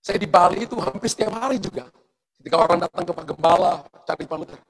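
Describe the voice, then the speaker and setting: High-voiced, gravelly male pastor preaching. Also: fast talker, a crowd in the background, rough recording. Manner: animated storytelling testimony, addressing the congregation directly. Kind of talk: sermon. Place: church.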